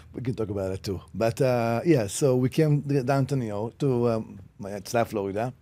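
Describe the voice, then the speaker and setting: A man's voice: medium pitch, a little slow, mellow, slight background noise. A man in his fifties, originally from Israel, telling his real estate story bluntly in a podcast interview and often checking in with "okay?". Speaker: guest, commercial real estate broker. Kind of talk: casual interview. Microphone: podcast studio mic.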